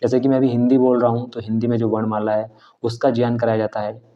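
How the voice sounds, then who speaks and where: Man teaching sounds slowly, dull audio. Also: medium pitch, completely flat delivery. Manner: asks himself questions and answers them; drawn-out, careful pronunciation of sounds. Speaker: teacher of Hindi and Sanskrit basics. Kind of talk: explanatory video lesson.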